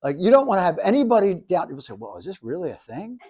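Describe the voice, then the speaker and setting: A man in his seventies, a professor giving a lively, jokey classroom lecture to students, with many restarts. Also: high voice, quick pace, husky, muffled recording. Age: 70s. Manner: animated, jokey, talks to the audience, restarts often. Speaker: professor and speaker.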